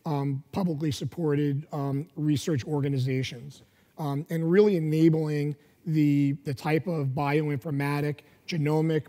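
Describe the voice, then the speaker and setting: A man in his fifties speaking as a panelist at a conference, halting with many fillers, on a headset mic in a large hall. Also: a little high, dark tone. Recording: long hall reverb.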